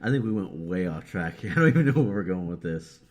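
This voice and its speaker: Rambling, laughing podcast guy with a lowish voice. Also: animated, fast, darkish tone. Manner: rambling, laughs easily, self-mocking. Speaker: podcast co-host. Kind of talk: casual chat.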